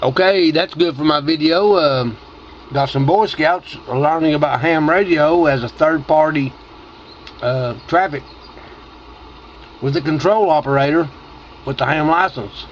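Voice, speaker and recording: Male radio hobbyist host, casual chat, somewhat high voice, slightly muffled and lightly noisy recording. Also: a little slow, long pauses. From Tennessee, United States. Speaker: amateur radio operator and video host. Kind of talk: casual ham radio chat and video commentary. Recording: dull audio with faint noise.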